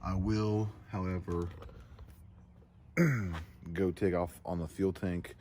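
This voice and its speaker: A man vlogging his truck work outdoors, rambling casually with lots of fillers and throat clearing. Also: deep voice, fairly even intonation, slow pace, a little mellow, slight background noise. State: out of breath. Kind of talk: casual DIY vlog.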